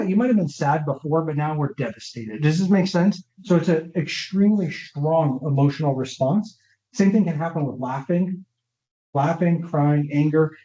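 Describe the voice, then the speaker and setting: A man's voice: fairly high pitch, dark tone. A man giving an informal talk as a neuropsychologist, often stopping to check that his audience is following. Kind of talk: conversational lecture with audience questions. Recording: roomy, dull lo-fi online session audio.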